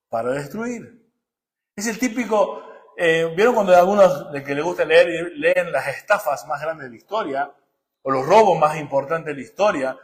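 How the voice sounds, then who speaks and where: A male pastor, preaching emphatically and questioning his congregation, swinging from loud to hushed. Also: sits high. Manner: emphatic preaching, rises and drops sharply, asks the congregation questions. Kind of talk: sermon.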